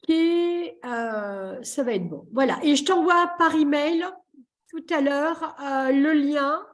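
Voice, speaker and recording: A woman's voice: high voice, slow pace. A woman therapist hosting a live video session in a chatty, joking way, with many fillers. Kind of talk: casual live chat. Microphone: computer mic on a video call.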